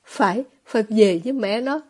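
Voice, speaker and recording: A woman reading the part of a gentle young man who speaks softly and reasons calmly. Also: on the high side, normal speed, slightly rough.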